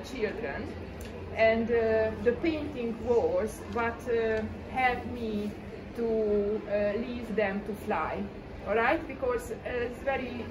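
Woman, Hungarian accent, forties, halting gallery talk, distant mic, background noise. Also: on the high side. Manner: halting, searching for words, many fillers. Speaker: exhibiting artist. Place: small gallery room with pictures on the walls. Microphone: far camera.

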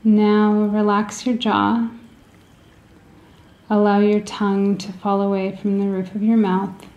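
A woman guides a meditation in a soothing, gentle voice at medium pitch, with deliberate phrasing and pauses. Her delivery is completely flat. The recording is roomy and echoing, with the high frequencies cut off.

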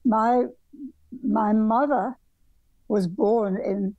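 Over a video call from the workroom in her bedroom at home, an older southern African architect appearing as a guest talks in a steady, mid-range voice, drawing out her words. Her storytelling is reflective and wandering, full of restarts, and the audio is dull without echo.

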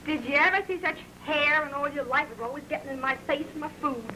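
A woman's voice: high-pitched, fairly even intonation, quick pace, bright, forceful tone. An actress playing a slangy, playful young working-class American woman in an early talkie. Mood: coy, hopeful. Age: young adult. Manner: slangy, chatty. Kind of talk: early talkie film acting. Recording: noisy old film soundtrack.

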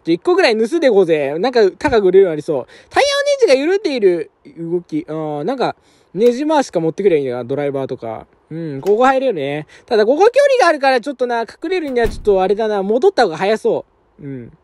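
A young man doing casual let's-play commentary at home, talking roughly to himself and his viewers with quick chuckles. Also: high-pitched, big pitch swings, a little mellow, dry recording. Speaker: game streamer. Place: apartment room at night, keeping his voice down.

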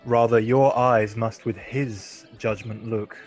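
A man's voice: lowish voice, fairly even intonation, slow pace, soft background music. A man acting a noble, commanding duke in a Shakespearean radio play, stately and declamatory. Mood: grave, advising.

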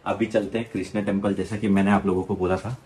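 Outdoors beside a river and aboard a small round boat, a young man speaks into a handheld camera for his casual travel vlog, excitedly blending English into his Hindi. He sits low in pitch and talks fast.

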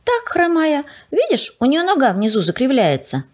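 A woman's voice: high voice, wildly swooping pitch, moderate pace, a little mellow, pitched above the performer's own voice. A woman reading as a fussy young boy. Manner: fussy, complaining. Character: fussy picky young boy, easily frightened.

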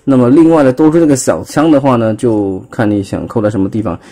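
Recorded on a phone at an indoor table, a toy reviewer with a Taiwanese Mandarin accent casually demonstrates a toy's transformation. He talks fast at medium pitch with a steady, dark tone, explaining step by step, pointing to parts and leaning heavily on fillers.

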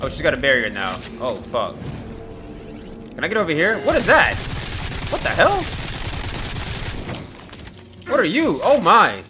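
Male gamer, excitable and profane, lively pitch, loud game music and gunfire under him. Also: normal speed. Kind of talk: gameplay commentary.

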